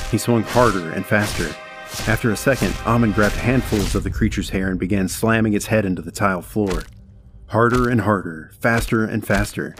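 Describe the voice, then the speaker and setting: A man giving a measured, dramatic scripted horror narration. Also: fairly low pitch.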